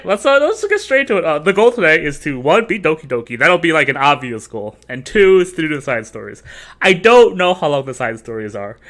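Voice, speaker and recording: A young man streaming a horror game as host, rambling and joking, his talk dropping to mumbles between louder bursts, into a desk mic at home. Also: a little high. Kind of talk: casual gameplay commentary. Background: faint game music.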